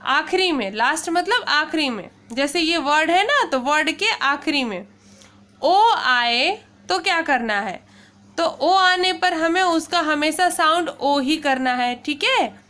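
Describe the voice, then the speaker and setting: Slow, bright-voiced woman teacher. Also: high voice, lively intonation. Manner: repeats "ठीक है" often, spells words letter by letter; addresses listeners as children. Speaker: English pronunciation teacher. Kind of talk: classroom-style lesson.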